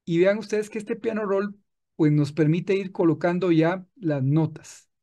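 A man's voice: sits high, a little slow. Patient man explaining a music tutorial. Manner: patient, explains step by step with many restarts. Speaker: music software instructor. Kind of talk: screen-recorded tutorial.

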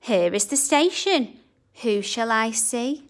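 A woman reading a children's picture book aloud in a slow, sing-song, expressive way. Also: a little high. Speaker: children's storybook reader. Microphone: camera above a book on a table.

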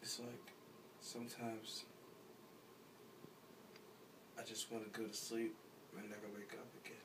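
Young man acting a heartbroken loner, halting, despairing, mid-pitched, distant mic, faint noise. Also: level tone, natural voice. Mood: hopeless. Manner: halting, despairing, trailing into mumbles. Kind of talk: short film drama monologue.

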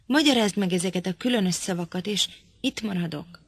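A woman's voice: medium pitch, slightly rough. A woman playing a proud, scolding young woman. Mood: coaxing. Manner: sharp and scolding. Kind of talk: audiobook character reading.

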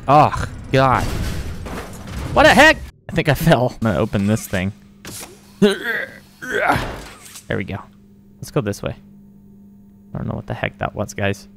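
An amused, jokey man hosting a gaming video, exclaiming and yelling excitably as he comments on the gameplay. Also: medium pitch, creaky, a little hiss or hum.

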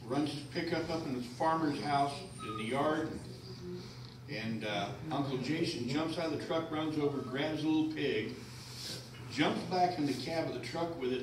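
A man's voice: mid-range voice, background noise. A man telling a folksy tale live, rambling and down-home with plenty of fillers. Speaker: storyteller. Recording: roomy live sound, distant mic, guitar behind.

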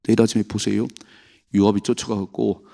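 A male pastor preaching an emotional dawn prayer sermon, swinging between loud and hushed and acting out the voices in the story. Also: fairly low pitch, level tone, a little fast, gravelly. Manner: acts out voices of parents, David and the devil in quoted lines.

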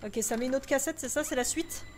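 A woman with a high voice speaks quickly over a slight hiss or hum. She's streaming a horror game with live commentary, jumpy and quick to get irritated, swearing, talking to herself, and slipping English words in.

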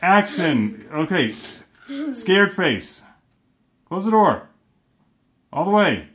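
A man's voice: high voice, sing-song, very slow, fairly bright tone. A middle-aged father casually coaching his children through scenes of a home short film, giving amused, patient direction.

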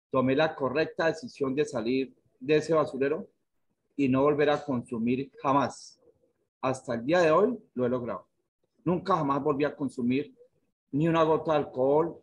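A man's voice: on the high side, husky. A middle-aged man from Colombia giving a frank, earnest personal testimony on a video call. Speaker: director of a therapeutic community. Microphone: video call webcam.

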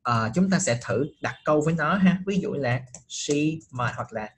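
A man's voice: on the high side, lively intonation, moderate pace, a little hiss or hum. A middle-aged man teaching an online English class, patiently checking with students by asking short questions, speaking.

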